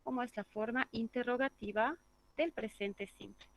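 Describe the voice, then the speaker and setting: A woman's voice: a little high, moderate pace, no room sound. A woman teaching an English grammar class, explaining step by step and checking in with the class through tag questions. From Bolivia.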